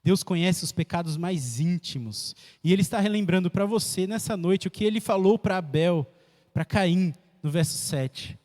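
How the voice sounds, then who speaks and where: A man preaching a church sermon, emphatic and repetitive, with sharp swings in pitch. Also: normal speed. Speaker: pastor. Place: church sanctuary. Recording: echoey church hall.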